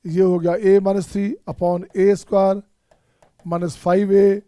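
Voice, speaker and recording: A man with an Indian accent teaches math in an online lecture, coaxing his students with repeated questions. His voice is warm and dark, sitting fairly high but flat in melody. The sound is dry and close. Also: extremely slow, no room sound. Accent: Indian English. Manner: coaxing, repetitive, addresses students as children. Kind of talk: online exam-prep lecture.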